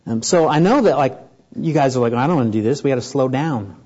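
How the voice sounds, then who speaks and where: Husky-voiced man preaching a sermon. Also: animated, fast, darkish tone, dull audio. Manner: earnest, rising in pitch and volume for emphasis. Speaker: pastor.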